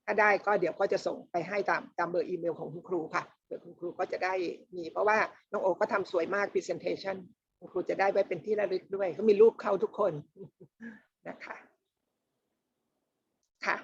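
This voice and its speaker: Woman meeting organizer, chatty and enthusiastic, flat dry lo-fi call audio. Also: fairly low pitch, vocal fry, breathy edge, no echo. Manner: chatty, enthusiastic, halting restarts. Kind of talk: casual meeting chat. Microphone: video call.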